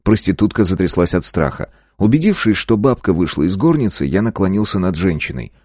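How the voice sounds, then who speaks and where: A man with a very low voice narrates a first-person story and acts out his own lines of dialogue. His intonation rises and falls widely, and the sound is dry and close with no room echo. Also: fairly quick, breathy edge. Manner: expressive reading with acted dialogue. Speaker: audiobook narrator.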